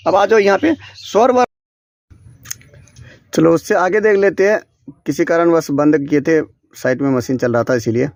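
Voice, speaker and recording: High-voiced man drilling grammar questions. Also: no room sound, studio quality. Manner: repetitive question-and-answer drilling; frequent self-corrections and restarts. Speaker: teacher. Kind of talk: classroom-style grammar lesson. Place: small room beside a board.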